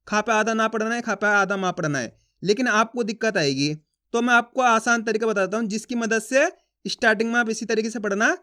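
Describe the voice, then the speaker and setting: A man teaching a reading lesson, asking himself questions and answering them, sounding out syllables slowly. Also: high-pitched, bright, forceful tone. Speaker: Hindi teacher.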